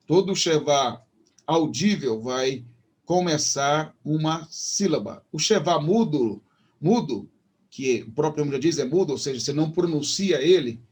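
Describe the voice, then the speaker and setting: A man's voice: on the high side, husky. A man with a Brazilian Portuguese accent teaching an online Hebrew lesson, explaining step by step with many fillers and restarts. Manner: slows down to pronounce Hebrew words. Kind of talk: online lecture.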